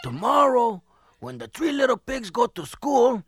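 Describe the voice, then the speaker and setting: A man's voice: very high-pitched, big pitch swings, a little slow, breathy edge, dry recording, studio quality, heavily acted. A man voicing a weary father pig in a comic story, scheming to move out. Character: grumbling fed-up pig father.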